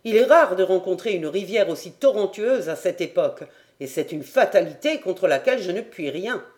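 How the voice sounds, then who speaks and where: An audiobook reader voicing a male quartermaster guide who speaks in a firm, calm and assured way. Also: medium pitch, normal speed, natural voice. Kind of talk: audiobook character voice.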